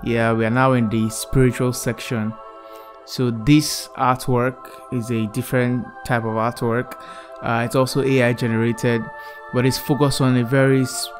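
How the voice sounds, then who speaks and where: In a casual vlog walkthrough, a young YouTube creator tours his VR gallery with a relaxed, enthusiastic medium-pitched voice, often saying "really cool." He's in an indoor room wearing a VR headset, with soft music playing behind him.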